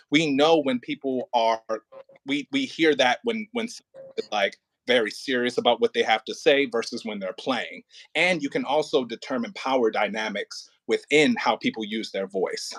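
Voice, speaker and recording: A man who directs audio plays and coaches actors speaks casually and informally, with halting pauses and emphatic repetition. His voice is medium in pitch, and the recording is dry.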